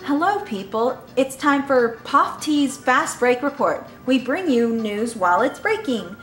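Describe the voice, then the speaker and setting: A woman's voice: sits high, lively intonation, a little slow, a bit bright, roomy sound, soft background music. A woman voicing a chirpy female TV field reporter, reading in an announcer style. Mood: announcing.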